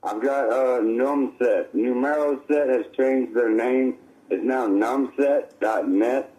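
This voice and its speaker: Man, radio call-in listener, heard over the radio, mid-pitched, casual, rambling, insistent. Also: slow, warm tone, low-quality recording. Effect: voice of a caller over the radio.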